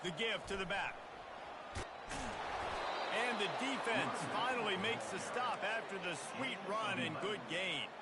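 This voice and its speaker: An American man calling football play-by-play as a game commentator, excitable and booming on the big plays. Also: a little slow, pauses often. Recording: loud stadium noise and music behind.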